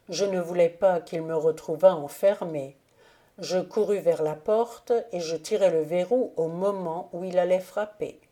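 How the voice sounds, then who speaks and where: A woman reading a classic novel aloud as an audiobook narrator, calm and measured. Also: lowish voice. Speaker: audiobook reader.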